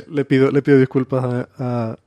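A man hosting a casual science podcast, easygoing and playful, quick to laugh at himself. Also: mid-range voice, dark tone, dry recording, lo-fi sound. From Canary Islands. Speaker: podcast host.

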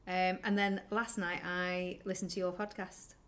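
A woman's voice: fairly low pitch, little pitch movement, crowd noise. A young woman co-hosting a podcast, chatting casually and laughing often. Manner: chatty, giggly, quick to laugh. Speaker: podcast co-host. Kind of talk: casual chat.

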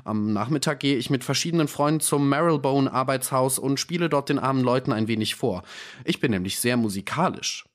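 A man's voice: medium pitch, a little fast, voice pushed up, lightly acted. A man voicing a pious, prim manservant who speaks meekly in an audiobook. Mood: prim politeness. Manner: meek and prim. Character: pious, prim male servant, gently indignant.

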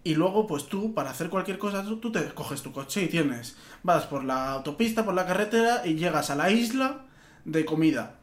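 A young man co-hosts a relaxed chat, blunt and laid-back with casual swearing. His voice runs a little high for a man. The recording sounds roomy and echoey. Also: moderate pace. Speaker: podcast co-host. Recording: echoey room.

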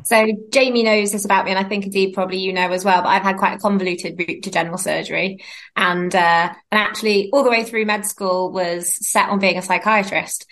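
Woman from bristol, normal pitch, casual podcast guest chat. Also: fairly even intonation, brisk, a bit bright. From Bristol, England. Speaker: surgical trainee, podcast guest.

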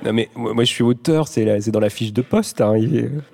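A man's voice: mid-range voice, moderate pace, gravelly, a little mellow. Writer guy from the vosges, umms a lot, laughs at himself. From Vosges, France. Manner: hesitant, self-mocking, laughs often. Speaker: author, guest. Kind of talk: casual chat.

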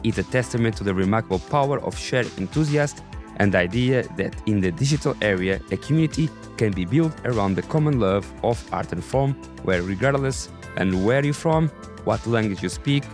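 A man with a raspy voice and non-native English, hosting a podcast in a scripted narration style. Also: lowish voice, lively intonation, normal speed, darkish tone, soft background music. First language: not English. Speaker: podcast host.

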